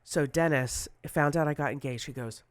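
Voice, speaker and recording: A man in his forties, a guest on a talk show, chats easily and tells stories with animated energy. His voice sits fairly high. The recording is dry and close. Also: moderate pace, clean tone, no room sound. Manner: chatty, animated storytelling. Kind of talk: casual chat.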